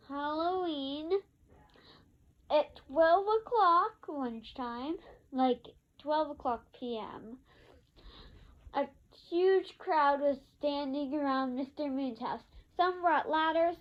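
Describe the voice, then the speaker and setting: A woman's voice: high-pitched, slow. A woman telling a story in a casual, chatty way, rambling with fillers and asides, in a slightly dull lo-fi recording.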